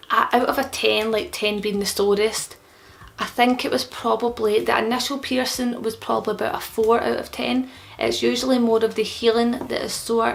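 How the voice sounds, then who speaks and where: Thick-tongued young woman with creaky voice. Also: on the high side. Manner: slightly impeded, thick-tongued speech from a new tongue piercing. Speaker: vlogger answering common questions. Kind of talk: casual explanatory vlog talk.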